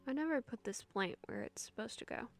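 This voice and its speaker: A young adult woman streaming a relaxed game, reading its text aloud with dry, wry asides. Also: on the high side, fairly quick, faint music behind. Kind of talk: casual game commentary.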